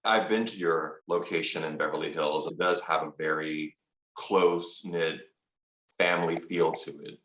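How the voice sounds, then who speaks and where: A man with a very low, deep voice hosts an interview, framing his questions in a measured, affirming way. The recording sounds roomy and slightly dull. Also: fairly even intonation, a bit bright. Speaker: podcast host.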